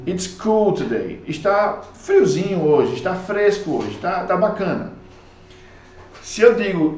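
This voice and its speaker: Chatty Brazilian man teaching in an echoey room. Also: fairly high pitch. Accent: Brazilian Portuguese. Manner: lively, chatty explanations with frequent "tá bom?" check-ins. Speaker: English teacher. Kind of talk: recorded online lesson.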